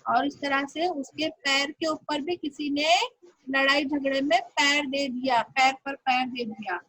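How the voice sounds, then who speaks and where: Woman teacher, high voice, slow and careful, dry close sound; reads English lines then explains them. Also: fairly bright tone, no echo, rough recording. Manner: reads each English line slowly, then explains word meanings. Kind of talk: explaining an English story line by line in Hindi.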